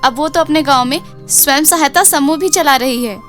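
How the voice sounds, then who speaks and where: An earnest, determined village girl , played by a woman, speaking plainly in rustic dialect. Her voice is high. Soft music plays in the background. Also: normal speed. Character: determined village girl grown into art teacher.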